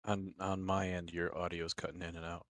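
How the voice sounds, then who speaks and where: A man's voice: low voice, level tone, moderate pace, fairly bright tone. A man chatting casually as a player, heard over group voice chat and chiming in with short friendly remarks.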